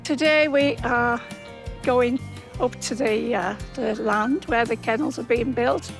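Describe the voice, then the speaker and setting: An older woman in her seventies with a Cumbrian accent speaks casually in a fairly high, creaky voice. She pauses often mid-sentence, and music plays behind her. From Cumbria, England. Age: 70s. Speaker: animal rescue charity founder. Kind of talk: casual documentary interview.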